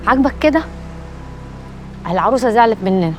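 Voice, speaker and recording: A woman's voice: fairly high pitch, animated, fast talker, slight background noise, natural voice. An actress playing a proud, reproachful woman with an Egyptian Arabic accent, teasing dryly. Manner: chiding, dry teasing. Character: proud woman back from supposed death, reproachful.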